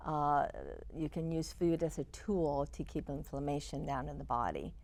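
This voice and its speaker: Older woman from Chile, low-pitched, calm interview guest. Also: normal speed. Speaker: health counselor guest. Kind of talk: interview answers.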